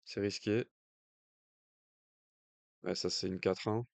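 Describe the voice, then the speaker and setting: A man's voice: fairly low pitch, steady tone, takes it slowly, vocal fry, darkish tone, no echo. A man with a French accent giving casual live commentary on a card game match, thinking aloud with hesitant fillers. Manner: jokey aside in accented English. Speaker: stream commentator.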